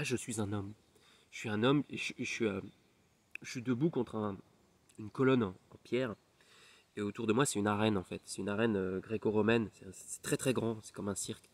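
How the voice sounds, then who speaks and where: A man, a hypnotherapist, tells a personal story in French with many fillers and restarts, often dropping to a near whisper. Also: fairly low pitch. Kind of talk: personal testimony.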